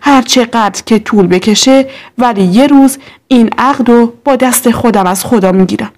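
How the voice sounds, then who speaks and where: A woman's voice: on the high side, a little mellow, natural voice. A woman reading the lines of an earnest, firm young fiancé in a storybook. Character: protective young man, steady fiancé.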